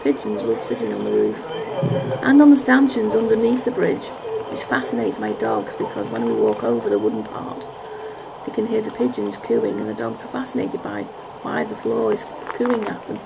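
Very deep-voiced and very animated, the vlogger keeps a moderate pace while musing casually about her park walk and correcting herself. The handheld camera's built-in mic records her outdoors, with clear park ambience audible.

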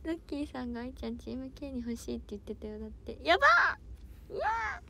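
A woman's voice: fairly high pitch, rapid-fire, vocal fry, warm tone. Giggly young woman idol streaming solo. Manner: playful, giggly, tries out foreign words and dialect phrases. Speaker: idol livestream host. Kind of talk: casual livestream chat reading viewer comments.

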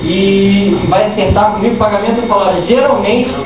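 A young man with a Rio de Janeiro Brazilian accent, pronouncing s as a soft sh at syllable ends, doing casual, slangy stand-up comedy through a handheld mic. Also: sits high, level tone, a little fast, crowd noise. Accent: Brazilian, Rio de Janeiro area. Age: young adult. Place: small restaurant room with seated audience, indoors. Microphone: handheld mic through a speaker, filmed from audience. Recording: echoey room PA, distant noisy phone recording.

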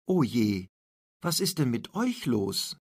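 A man voicing a mother talking to her family, with a husky voice. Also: medium pitch, very animated, slow, heavily acted. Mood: concerned.

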